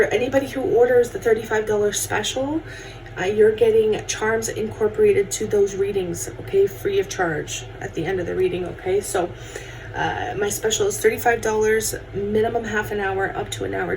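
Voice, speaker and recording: A woman's voice: mid-range voice, creaky. Woman tarot reader, distant mic. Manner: chatty, addresses viewers as friends and guys. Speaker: tarot card reader hosting a horoscope show. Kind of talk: casual spoken tarot reading to viewers. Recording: distant mic with faint background noise.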